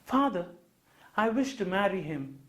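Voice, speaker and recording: A man's voice: sits high, big pitch swings, measured pace. A man voicing a kind young princess in a children's story, speaking earnestly to her father.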